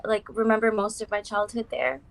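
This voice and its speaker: A woman's voice: mid-range voice, monotone, brisk. A young adult woman from South Africa chatting casually as a guest, with lots of "like" and "um". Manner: chatty, warm fillers, many "like" and "um". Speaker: guest musician. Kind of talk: casual interview chat.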